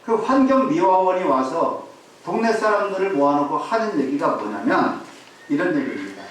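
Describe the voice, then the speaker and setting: Lively male pastor in echoey church. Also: fairly high pitch, moderate pace, recorded from a distance. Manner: animated storytelling, rhetorical questions to the congregation. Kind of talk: sermon. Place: church sanctuary. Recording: very echoey hall, voice off-mic, faint hiss.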